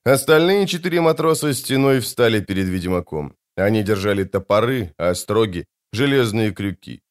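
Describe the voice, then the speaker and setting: A man narrating an adventure audiobook in an expressive, dramatic way. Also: fairly low pitch, moderate pace, clean tone. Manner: expressive, lively storytelling.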